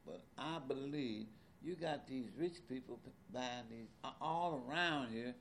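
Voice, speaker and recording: A man in his seventies in a casual conversation as an interviewee, animated and repetitive, with loose colloquial speech. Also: medium pitch, measured pace, a little hiss or hum. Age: 70s. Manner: animated, repeats words, loose colloquial grammar.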